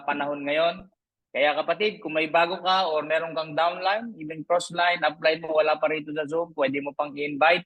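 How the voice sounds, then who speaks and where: A man's voice: on the high side, muffled recording. Upbeat guy in his 30s running a zoom training, chatty, keeps saying "no?". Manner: upbeat, chatty, tags sentences with "no?". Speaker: trainer hosting a sales training. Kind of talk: live online training talk. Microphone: online meeting microphone.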